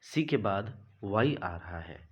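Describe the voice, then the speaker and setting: A man gives an unhurried pronunciation lesson in a low, husky voice. He spells out each word letter by letter, says it twice, and checks in with "right?" before going on. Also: lively intonation, highs cut off. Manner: spells words letter by letter and repeats them, asks "right?". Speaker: English pronunciation teacher. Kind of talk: classroom lesson, explaining rules slowly.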